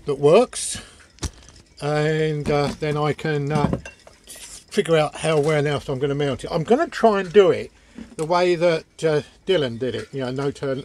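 There's slight background noise as an older man with a fairly high, somewhat mellow voice talks to camera about his boat gear. The sailing vlogger films on a phone at arm's length in a small boat cabin, chatty and rambling, stumbling over and repeating words.

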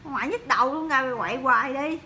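A woman coos and coaxes her infant with sing-song baby talk. Her voice sits very high and sounds bright. A faint hiss of noise runs underneath. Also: quick pace. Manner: coaxing, cooing, sing-song questions. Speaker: mother.

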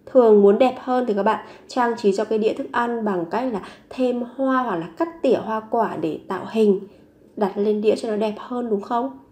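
A woman's voice: a little high, warm tone. Woman teaching words, each said three times. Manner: repeats each word three times slowly, then explains. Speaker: language teacher. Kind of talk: vocabulary lesson.

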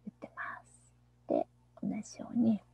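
A woman teaching a children's English song, explaining softly, often in a near-whisper, and reading the lyrics slowly and deliberately. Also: no room sound. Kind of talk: screen-shared lesson on a children's song.

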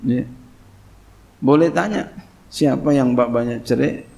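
Warm and medium-pitched with some vocal fry, this man is an Islamic cleric teaching Quranic commentary. His kitab study sermon moves from slow Arabic reading to informal Indonesian explanation, sprinkled with "ya."

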